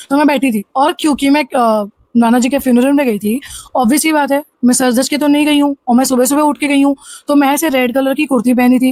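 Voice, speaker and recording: A woman vlogger rushes through a personal story in a high, quick voice. Her telling is animated and full of restarts. The sound is dry and close, with no room echo. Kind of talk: casual storytime monologue.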